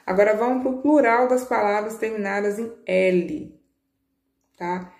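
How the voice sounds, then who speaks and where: Woman, teacher, patient children's lesson, slow emphasized words, echoey room. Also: medium pitch, a little mellow. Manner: patient, repeats "né?" and "tá?" checks; stretches key words slowly for emphasis.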